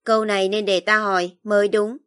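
A woman's voice: mid-range voice, flat delivery, fairly quick, a bit bright, natural voice. A woman voicing a proud, cold young nobleman who speaks in a cool, detached, taunting way, in audiobook narration.

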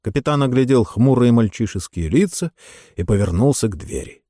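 An expressive male audiobook narrator reads with a mid-range voice at a moderate pace. The studio sound is clean, with no echo.

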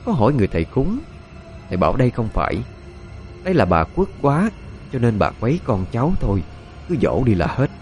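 A man narrating a ghost story in an expressive, dramatic way. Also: mid-range voice, brisk, long pauses, soft background music.

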